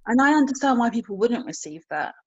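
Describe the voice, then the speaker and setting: A woman's voice: a little high, sing-song, fast talker, breathy edge, no echo. Candid woman, dry dull audio. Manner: candid, reflective, searching for words. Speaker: guest. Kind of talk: emotional personal story in conversation.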